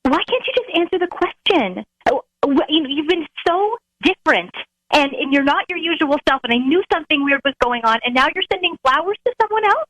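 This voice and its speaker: Upset female caller, high and lively pitch, heard over a phone line, accusing. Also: brisk, no room sound. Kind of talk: on-air phone call.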